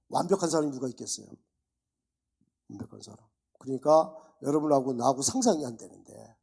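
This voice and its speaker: Animated male pastor with a gravelly voice. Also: on the high side. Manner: animated preaching with rhetorical questions and acted-out dialogues. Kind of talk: sermon. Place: church.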